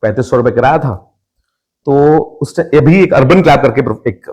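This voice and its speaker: A man's voice: mid-range voice, normal speed. Indian man telling his story. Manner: lively storyteller who acts out family members' voices. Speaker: podcast guest, actor. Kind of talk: casual storytelling in a podcast interview.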